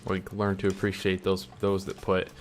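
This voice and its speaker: A young male vlogger with a deep voice and completely flat delivery talks to camera at normal speed, chewing candy throughout. His casual, reflective monologue rambles with ums and restarts as he earnestly discusses following his dreams.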